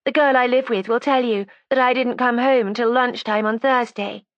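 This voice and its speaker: A woman's voice: on the high side, steady tone, moderate pace, dry recording, dull audio, pitched above the performer's own voice, natural voice. A woman reading an audiobook, voicing a resentful, defiant young woman with a sarcastic, combative edge. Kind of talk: audiobook character voice.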